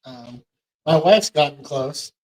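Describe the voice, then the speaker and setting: A man's voice: fairly high pitch, animated, slow pace, darkish tone, low-quality recording. A middle-aged man co-hosting a casual podcast, speaking conversationally with frequent hesitations. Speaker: podcast co-host, mortgage lender.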